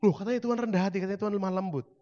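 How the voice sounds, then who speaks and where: A man preaching a sermon, telling stories dramatically and swinging from quiet to loud. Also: sits high, fairly even intonation, rapid-fire, lo-fi sound, faint music behind. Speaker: pastor.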